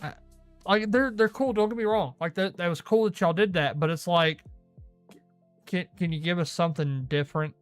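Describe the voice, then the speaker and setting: A man's voice: sits high, normal speed, soft background music. A man hosting a casual gaming news show, rambling and correcting himself as he goes. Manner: rambling, self-correcting, laughs often. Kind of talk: casual solo gaming chat.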